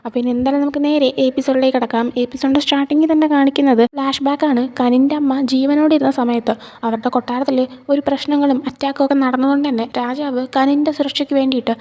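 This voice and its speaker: A young woman narrates a casual recap of a series episode for her channel, sliding English words into her chatty delivery. Her voice sits high and mellow, and she talks at a brisk clip. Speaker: channel host.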